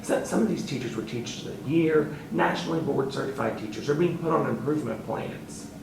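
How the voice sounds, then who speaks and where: A man who sits on a school board, answering interview questions earnestly and haltingly, with fillers, and turning emphatic. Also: a little high, creaky, reverberant, distant mic, noisy background.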